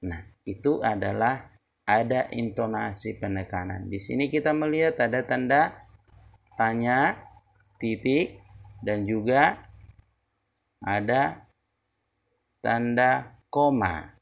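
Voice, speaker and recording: A man teaching a lesson to children, explaining slowly and deliberately, repeating key points. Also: medium pitch, creaky. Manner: slow, deliberate explaining with repetitions.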